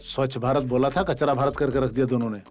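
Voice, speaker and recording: A man's voice: mid-range voice, steady tone, fast talker, darkish tone, close to an everyday voice. An actor dubbing a strict, bossy male college principal who barks orders. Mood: stern. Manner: scolding orders. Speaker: dubbed film character. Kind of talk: Hindi film dubbing. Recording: film soundtrack with faint music.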